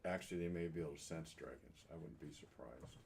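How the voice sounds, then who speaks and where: A man's voice: very deep voice, fast talker, gravelly, very noisy. A man playing a tabletop game, talking casually about his moves.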